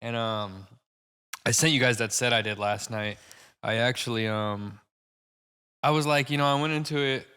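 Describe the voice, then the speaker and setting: A man's voice: mid-range voice, fairly even intonation, moderate pace, pauses often, bright, forceful tone, clear, resonant tone, long reverb tail. A young man co-hosting a podcast, chatting casually with lots of fillers, restarts and laughs at his own jokes. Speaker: podcast co-host and stand-up comic. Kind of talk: casual chat.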